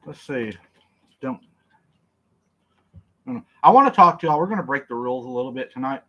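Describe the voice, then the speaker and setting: A man's voice: medium pitch, animated, brisk, fairly bright tone, muffled recording. A man hosting a casual livestream, joking, laughing and reading viewer comments aloud as he eats. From Oklahoma. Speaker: livestream host. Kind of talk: casual livestream chat while eating.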